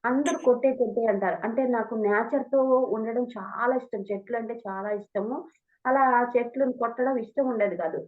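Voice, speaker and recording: A woman's voice: on the high side, brisk. A woman who teaches meditation, telling her own experiences in an earnest storytelling way and acting out bits of dialogue. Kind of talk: testimonial talk. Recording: narrow phone-like sound.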